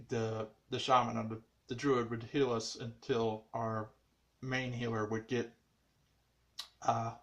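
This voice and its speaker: A man recapping an anime episode in casual chat, rambling with lots of fillers and restarts, swinging between muttered asides and excited bursts. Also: medium pitch. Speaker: anime reviewer.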